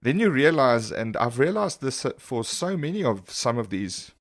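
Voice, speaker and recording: A man's voice: medium pitch, sing-song, normal speed, no room sound. A man co-hosting a self-help podcast, talking casually and candidly in an encouraging influencer style. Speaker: podcast co-host.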